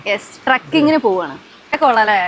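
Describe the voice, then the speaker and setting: A woman's voice: very animated, fairly quick, a crowd in the background. A woman casually vlogging, exclamatory and mixing English words into her Malayalam. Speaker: travel vlogger. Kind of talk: casual spoken vlog commentary. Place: mostly outdoors on a trek. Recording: noisy outdoor recording with vehicle-like rumble.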